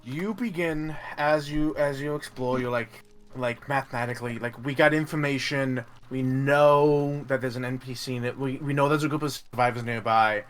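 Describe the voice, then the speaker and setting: A man's voice: medium pitch, fairly even intonation, normal speed, a little hiss or hum. A man running a tabletop game as game master, talking loosely with many fillers.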